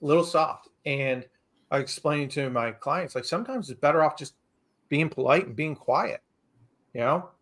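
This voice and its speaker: A man's voice: a little high, expressive, moderate pace, a bit bright. A man co-hosting a real estate podcast in casual chat, repeating himself and leaning on "you know" as he talks things through. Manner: loose, repeats words, lots of "you know".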